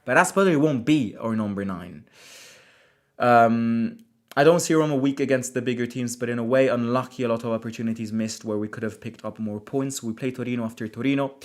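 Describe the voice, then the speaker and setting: A man from Italy hosts a football fan channel, casually chatting on a livestream and reading out viewer comments. His voice is mid-range and fairly quick, and he keeps interrupting himself, restarting sentences and repeating words.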